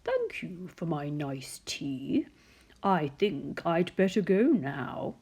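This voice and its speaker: A woman voicing a big, hungry male tiger from a children's storybook, courteous and deliberate in manner. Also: deep voice, big pitch swings, a little mellow, husky, heavily acted. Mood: grateful.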